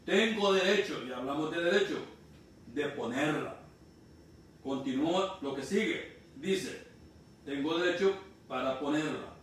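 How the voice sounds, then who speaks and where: A man from Honduras preaching a sermon, explaining slowly and repeating key phrases. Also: on the high side. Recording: distant mic in echoey room, faint noise.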